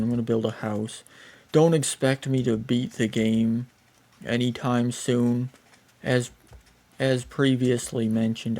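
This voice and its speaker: Casting: man, late twenties, unhurried self-deprecating gaming commentary, keyboard clacking underneath. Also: mid-range voice, creaky, a little mellow. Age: 20s. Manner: rambling, self-deprecating, talks while playing. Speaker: gaming YouTuber. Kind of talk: casual gameplay commentary.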